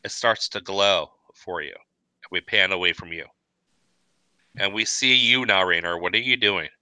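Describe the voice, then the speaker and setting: A man's voice: low-pitched, normal speed, sharp tone, clean tone, dry recording. A man running a tabletop role-playing game, setting scenes like a camera panning and often repeating words as he goes. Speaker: game master.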